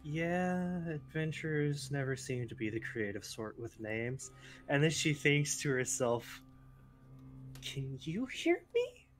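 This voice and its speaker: A man's voice: a little high, a little slow, faint music behind. A man playing his character in a tabletop game, speaking plainly and wryly. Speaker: player. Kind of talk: tabletop role-play.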